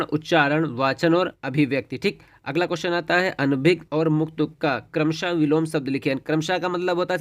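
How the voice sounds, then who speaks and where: Male teacher, exam-prep lesson, slightly high pitch, dry close sound, methodical explanations. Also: no echo. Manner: explains step by step, often says "ठीक है".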